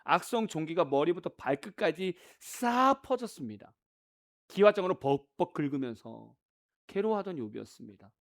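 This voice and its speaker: Animated high-voiced male pastor preaching. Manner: animated, acts out quoted voices, rhetorical questions to the congregation. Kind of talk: sermon.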